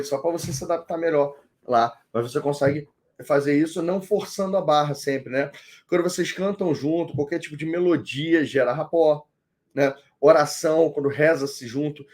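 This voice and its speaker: A man teaching an online coaching course. He speaks in a lively way, straight to the viewer, often checking in with short tag questions. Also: fairly high pitch. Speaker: coaching instructor.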